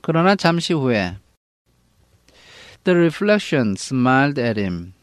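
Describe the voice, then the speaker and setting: A man from Korea teaching an English novel, reading each line slowly and then translating it. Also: mid-range voice, big pitch swings, dry recording, studio quality. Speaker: English book lecturer.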